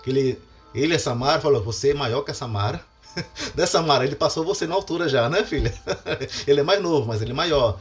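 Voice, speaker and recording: A man's voice: on the high side, quick pace. A middle-aged Brazilian pastor, a man, giving a devotional talk on family and acting out quoted lines. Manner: animated, acts out quoted lines. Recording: dull lo-fi with faint music.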